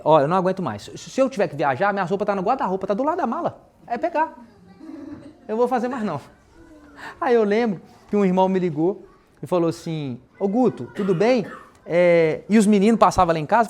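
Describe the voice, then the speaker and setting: A man preaching at a brisk, rushing pace, his voice sitting a little high for a man. He tells personal testimonies like a storyteller, acting out remembered conversations in relaxed everyday slang. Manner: lively storytelling that acts out remembered dialogue in casual slang.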